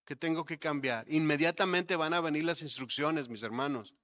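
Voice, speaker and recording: A male pastor preaching a sermon, building to emphatic points and dropping to soft, low asides. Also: normal speed. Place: church sanctuary.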